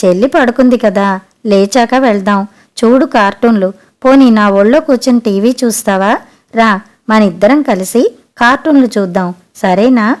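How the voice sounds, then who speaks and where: A woman reading the part of a gentle, patient grandmother who softly coaxes her grandson in an audiobook story. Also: a little high, normal speed, natural voice. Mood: coaxing. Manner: soft, coaxing.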